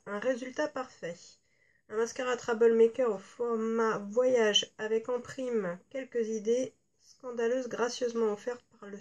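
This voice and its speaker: Woman vlogger chatting about makeup, lots of pauses and filler, dry jokey asides, mid-pitch voice. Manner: chatty, rambling, with frequent hesitations and asides; wry, joking tone. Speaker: beauty vlogger. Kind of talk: casual product review chat.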